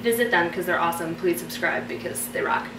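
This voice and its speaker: A woman vlogger with a fairly low voice tells stories to her viewers a little fast, in a casual, chatty, playful way. The mic is distant, with roomy echo and background noise.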